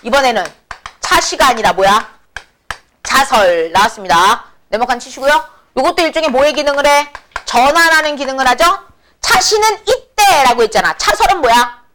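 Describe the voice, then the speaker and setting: A woman teaching classic Korean prose, asking quick questions and answering them herself in a casual, brisk lecturing manner. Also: sits high, expressive, fairly bright tone, a little hiss or hum. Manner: brisk, colloquial, answers her own questions. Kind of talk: lecture with call-and-response questions.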